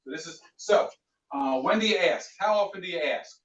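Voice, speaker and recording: Male sales trainer, fairly high voice, roomy and distant, dull recording. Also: normal speed. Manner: animated, plays out customer dialogues. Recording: echoey room, distant mic, dull sound.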